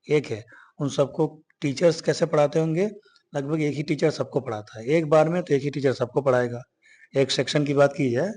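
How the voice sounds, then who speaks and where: A man's voice: on the high side, a little mellow. Man explaining a textbook chapter. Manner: reads English lines slowly, then explains them in Hindi with rhetorical questions. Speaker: teacher.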